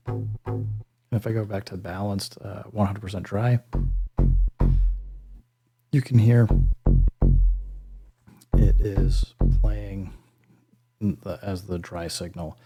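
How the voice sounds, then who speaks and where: A man hosts a relaxed, hands-on music gear tutorial, thinking aloud in a hesitant, self-deprecating way. His creaky voice has lively intonation, and he takes things slowly with frequent pauses. Synth pad and bass sample demo sounds play in the background.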